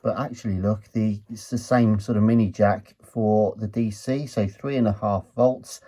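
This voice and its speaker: This is the British host of a retro electronics teardown video, speaking in a relaxed, think-aloud way as he handles a gadget. He has a fairly low, mellow, husky voice with a steady tone and an ordinary pace.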